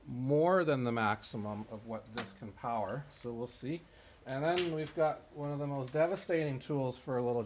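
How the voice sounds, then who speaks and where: A man's voice: a little high, a little hiss or hum. A man casually demonstrating a small generator in a barn workshop, explaining in a plain, matter-of-fact way with fillers. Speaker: equipment seller demonstrating a generator. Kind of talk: casual product demo. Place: indoor barn or workshop with concrete floor.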